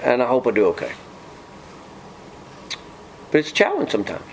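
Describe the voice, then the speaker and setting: A man's voice: medium pitch, wildly swooping pitch, normal speed, slight background noise, poor audio. A middle-aged man preaching an informal sermon, joking with his congregation. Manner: folksy, joking asides to the congregation.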